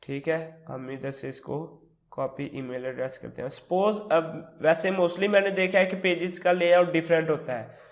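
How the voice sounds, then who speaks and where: A man with a sore throat giving a relaxed, step-by-step screen tutorial, mixing English words into his explanations. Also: on the high side, moderate pace. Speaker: tutorial host. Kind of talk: screen-recorded tutorial walkthrough.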